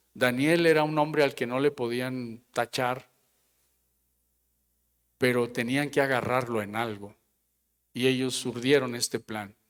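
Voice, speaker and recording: A male preacher delivers a sermon in a church, reading scripture aloud and then explaining it with rhetorical questions. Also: on the high side. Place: church sanctuary. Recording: long church hall reverb.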